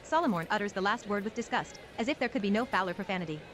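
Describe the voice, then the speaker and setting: Brisk woman narrating a fantasy game. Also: mid-range voice, expressive, a bit bright, slight background noise. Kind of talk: dramatic scripted fantasy narration.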